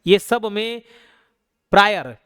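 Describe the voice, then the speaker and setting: A male teacher giving a casual, conversational grammar lesson. He keeps asking rhetorical questions and slows down to spell out each example. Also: sits high, expressive, bright, forceful tone, clear, resonant tone, no room sound, clean studio sound. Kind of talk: casual classroom explanation.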